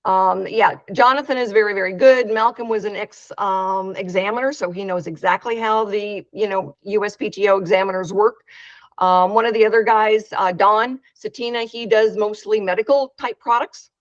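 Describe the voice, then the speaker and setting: A woman's voice: mid-range voice, fairly even intonation, moderate pace, no room sound. A woman running an inventors' meetup, talking frankly in casual chat, with lots of fillers and restarts. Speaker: meetup organizer. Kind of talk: casual video-call chat. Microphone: video call. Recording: dry, dull video-call audio.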